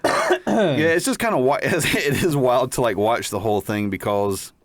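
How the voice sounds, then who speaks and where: A man's voice: mid-range voice, unhurried, dry recording. A man co-hosting a podcast, talking in a rambling, profane way with many "like"s. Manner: rambling, frequent "like", laughing, profane. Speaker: podcast co-host. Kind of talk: casual chat.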